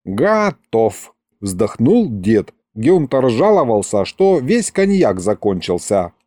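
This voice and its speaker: A man narrating an audiobook with lively, expressive delivery. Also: medium pitch, takes it slowly, no room sound, studio quality.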